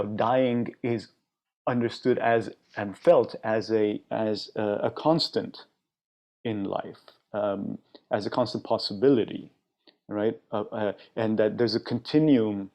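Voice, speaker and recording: A man with a low, gravelly voice talks as a panelist, thinking aloud in halting, restarting phrases. His tone is dark and mellow. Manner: thoughtful, halting, many restarts. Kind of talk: panel discussion.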